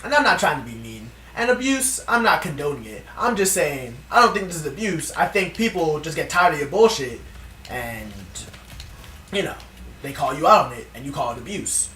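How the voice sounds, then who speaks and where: A man's voice: fairly high pitch, very animated, moderate pace, pushed and bright, slight background noise. A man telling a story in a casual, profane, ranting vlog. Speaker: vlogger. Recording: echoey room from a distance.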